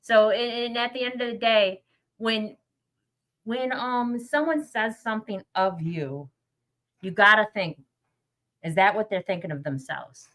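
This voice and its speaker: A woman hosts a casual podcast conversation at a middle pitch. She talks informally and puts questions to her guests in an encouraging, coaxing way. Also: unhurried, fairly bright tone. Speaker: podcast host.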